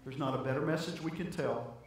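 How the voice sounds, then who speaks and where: A man's voice: a little high, quick pace, a little hiss or hum. A male pastor delivering a sermon in an earnest, conversational way, repeating words for emphasis. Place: church sanctuary. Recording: very echoey church, heard from a distance.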